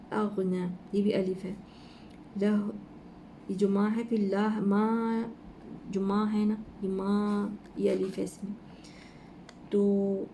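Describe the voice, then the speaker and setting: A woman giving an informal Quran lesson, walking slowly through the letters of each verse. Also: mid-range voice, gravelly, mellow, a little hiss or hum. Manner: slow, explaining letter by letter. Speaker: Quran teacher.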